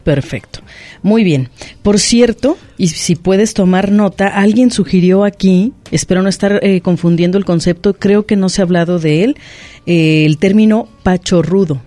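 High-voiced man hosting a radio chat. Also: normal speed, warm tone, no echo, soft background music. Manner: chatty, asks follow-up questions, frequent "ujú" backchannels. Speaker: radio host. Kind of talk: casual radio chat about language.

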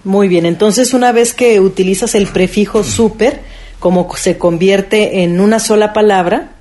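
A woman's voice: mid-range voice, a little slow, warm tone. A woman hosting a radio chat, recapping her guest's points back and asking follow-up questions. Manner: recaps the points back, curious, with frequent affirming sounds. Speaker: radio host.

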